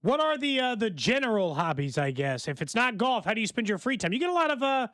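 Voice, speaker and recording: Chatty radio cohost guy, high voice that jumps around a lot, dry mic. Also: big pitch swings, fast, a bit bright, no echo. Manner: chatty, rambling questions. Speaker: sports radio co-host. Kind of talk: casual interview questions. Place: radio studio.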